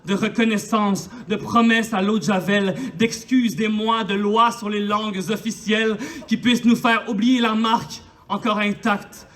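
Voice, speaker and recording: A poet with a Quebec French accent declaims impassioned, colloquial spoken-word poetry at a public celebration outdoors in a park. He speaks at a moderate pace in a high, fairly bright voice with little pitch movement.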